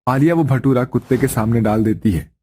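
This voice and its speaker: A man's voice: mid-range voice, fairly quick, a little mellow, husky. Man narrating a cartoon story.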